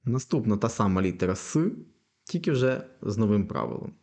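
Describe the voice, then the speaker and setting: A young man teaching a language lesson, patiently explaining and slowly repeating example words. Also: fairly low pitch, expressive, a little mellow.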